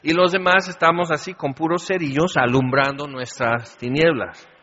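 A man's voice: on the high side, steady tone, normal speed, bright, forceful tone. A man preaching a sermon in a conversational way, full of rhetorical questions. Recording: echoey hall, dull lo-fi sound.

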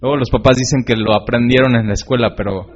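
This sermon comes from a man with a mid-range voice, steady tone and quick pace. Earnest and conversational, he often asks listeners questions outright and uses many fillers and tag questions, recorded in slightly dull lo-fi.

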